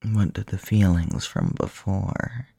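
A woman whispering slowly and teasingly into a close microphone, giving commands in an intimate roleplay. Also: extremely low pitch, wildly swooping pitch, vocal fry, mellow, husky, no room sound. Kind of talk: whispered erotic ASMR roleplay.

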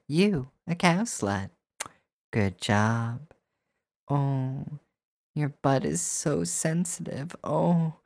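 This is a scripted erotic hypnosis monologue spoken straight to the listener by an adult performer at medium pitch. The delivery is coaxing, teasing and rhythmic, built on rhyming, repetitive phrasing, and the recording is dry.

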